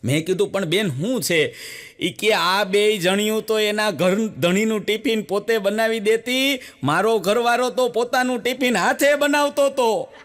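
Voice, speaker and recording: Gujarati man telling folksy jokes. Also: unhurried. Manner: animated, voices women in his jokes with a raised pitch. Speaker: stand-up comedian.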